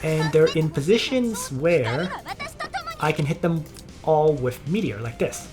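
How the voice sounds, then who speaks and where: In a low voice, a woman narrates gameplay casually, explaining her strategy move by move at a slightly slow pace. She sounds relaxed but lively in pitch, with faint game music in the background.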